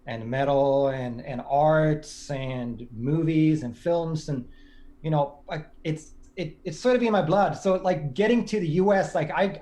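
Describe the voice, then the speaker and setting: A man's voice: fairly high pitch, darkish tone. A man in his forties from Sweden, a podcast guest talking casually and thoughtfully, with many restarts and fillers. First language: Swedish. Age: 40s. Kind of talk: casual conversation.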